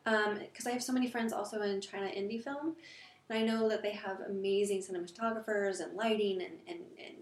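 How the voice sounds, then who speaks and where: A woman telling lively anecdotes in a casual interview, laughing often and acting out the voices in her stories. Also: mid-range voice, a little fast, echoey room. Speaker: interview guest. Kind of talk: casual storytelling.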